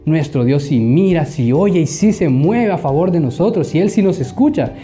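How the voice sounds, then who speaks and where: A man tells a children's Bible school story, animated and often asking the children questions. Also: on the high side, moderate pace.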